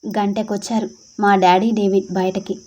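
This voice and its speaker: A woman narrating a dramatic story in a lively, expressive way. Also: mid-range voice, moderate pace.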